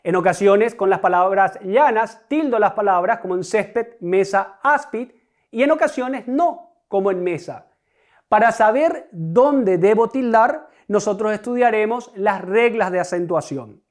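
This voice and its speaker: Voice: medium pitch, expressive. Una persona docente que da una clase de gramática grabada para escolares, con tono deliberado y explicativo, repitiendo los conceptos clave y dirigiéndose a los alumnos. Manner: deliberate, explanatory, repeats key concepts; addresses students directly. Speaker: teacher. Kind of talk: recorded online grammar lesson.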